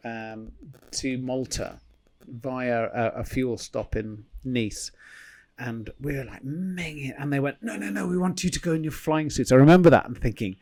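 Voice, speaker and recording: A man's voice: medium pitch, a little mellow. Guy, ex pilot, chatty storyteller on a podcast, lots of restarts. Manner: anecdotal, rambling with restarts. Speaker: podcast guest, former RAF pilot. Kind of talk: casual storytelling chat.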